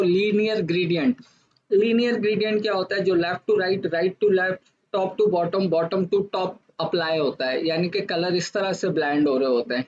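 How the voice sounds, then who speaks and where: Man, instructor, high voice, step-by-step software lesson, rhetorical questions, dull lo-fi sound. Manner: says he talks fast to fast-forward. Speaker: design instructor. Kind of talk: screen-recorded software lesson.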